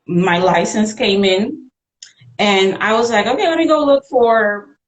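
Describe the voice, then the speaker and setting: A woman's voice: medium pitch, unhurried, rough recording. A woman in her forties from Suriname, Dutch by first language, with a Dutch accent, talking frankly and reflectively as an interview guest. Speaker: guest entrepreneur. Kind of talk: casual interview chat.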